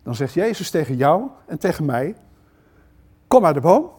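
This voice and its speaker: A man preaching a sermon in a church service, animated and turning to the congregation with questions, moving between loud outbursts and hushed lines. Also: fairly high pitch, moderate pace, slightly rough. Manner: talks directly to the congregation with questions.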